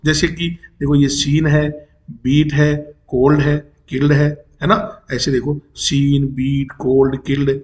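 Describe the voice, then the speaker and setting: लंबे अंग्रेज़ी शब्दों वाला भारतीय शिक्षक. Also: male voice, a little high, slow pace, lo-fi sound. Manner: lively, rising questions, switches Hindi and English. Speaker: teacher. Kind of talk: explaining a poem to students. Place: home near railway tracks.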